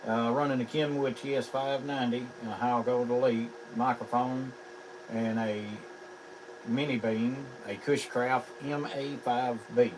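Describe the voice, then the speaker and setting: A man's voice: medium pitch, steady tone, measured pace. A man working as an amateur radio operator, plain-spoken and folksy, calling and repeating phonetic call signs amid radio static. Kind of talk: ham radio calling and casual contact. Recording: clear background radio noise.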